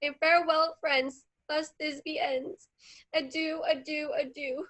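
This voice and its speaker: Woman playing a high, weeping dying Thisbe. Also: level tone, takes it slowly. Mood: grieving. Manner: high, soft, tearful delivery. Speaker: student actor.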